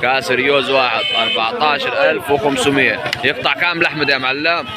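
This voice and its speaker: A man's voice: medium pitch, fairly even intonation, fast talker. A man with an Upper Egyptian accent hosting at an outdoor livestock market, haggling with short repeated questions and echoing the prices. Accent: Upper Egyptian Arabic. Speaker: market video host asking prices. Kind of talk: casual street interview with price haggling. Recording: very loud crowd and street noise.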